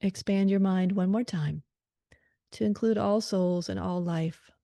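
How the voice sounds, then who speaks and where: A woman guides a meditation prayer, calm and soothing, with gentle pauses between short phrases. Her mid-range voice has a creaky quality, recorded at studio quality with no room sound.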